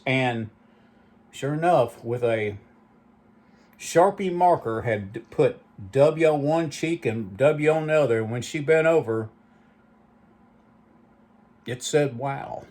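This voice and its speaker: A man's voice: mid-range voice, slow, pauses often, a little mellow. A man hosting his own channel, telling rambling, nostalgic stories with lots of asides. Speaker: channel host. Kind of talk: rambling reminiscing monologue.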